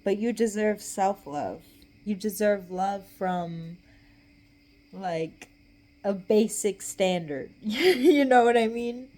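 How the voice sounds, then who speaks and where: Slow, tipsy young woman rambling. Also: medium pitch, animated, a little mellow. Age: young adult. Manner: tipsy, loose, meandering drunk talk; trailing off mid-thought, giggly. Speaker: vlogger. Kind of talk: casual rambling chat.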